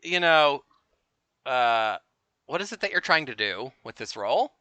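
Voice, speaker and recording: Relaxed guy running the game, slow talker, bright dry voice. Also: mid-range voice, clean tone, no room sound. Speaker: game master. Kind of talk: narrating a tabletop game.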